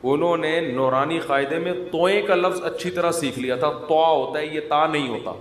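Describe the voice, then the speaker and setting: A man giving a conversational religious talk as an Islamic scholar, mixing humor with teaching and mimicking drawn-out calls to prayer. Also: on the high side, a little hiss or hum. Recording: echoey hall, faint ambience.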